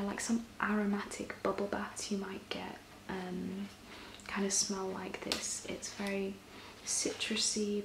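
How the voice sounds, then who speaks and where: A woman in an ASMR role-play as a personal shopper, soft-spoken and often breathy, explaining things gently and a little hesitantly. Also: mid-range voice. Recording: roomy echo, clear background noise.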